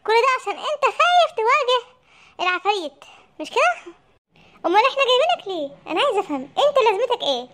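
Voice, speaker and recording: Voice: extremely high pitch, sing-song, very fast, few pauses. A voice actor playing a frightened young husband in a comic cartoon, with an Egyptian accent and a whiny, panicky manner. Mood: exasperated. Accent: Egyptian Arabic.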